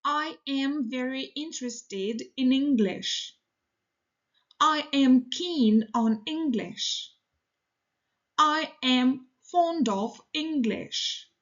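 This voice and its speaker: Woman English teacher with a high voice, reading example phrases slowly and steadily for learners. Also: lively intonation, highs cut off. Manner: slow, deliberate, evenly paced reading. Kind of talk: reading model sentences for learners.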